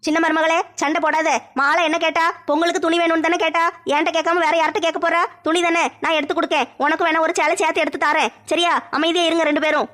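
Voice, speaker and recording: A woman playing a firm older mother-in-law keeping peace in a family comedy skit, brisk and scolding. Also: very high-pitched, little pitch movement, a bit bright.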